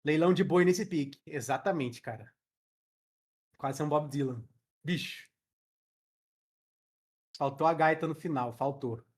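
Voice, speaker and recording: A Brazilian man teaches English in a laid-back live online class, talking into a headset with a Brazilian Portuguese accent. His voice sits fairly high and his pace is measured, broken by long pauses. He's chatty, joking around and tossing in slang.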